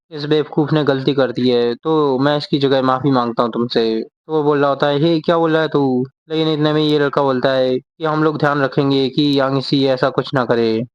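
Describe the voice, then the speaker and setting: Flat-voiced male manga storyteller. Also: mid-range voice, clear, resonant tone, no echo, muffled recording. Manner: steady narration, quotes characters' lines without acting them. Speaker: manga explainer.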